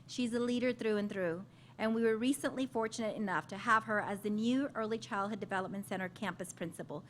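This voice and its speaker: A woman's voice: mid-range voice, brisk, a little hiss or hum. A woman moderating a university panel, reading guest introductions and asking questions in an upbeat way. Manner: warm, upbeat praise of guests.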